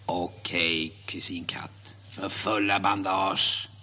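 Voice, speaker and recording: A man's voice: sits low, fairly even intonation, bright, forceful tone, a little hiss or hum. An actor voicing a greedy, showy male ape king in a dubbed audio drama, wheedling and rhyming. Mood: cheerful.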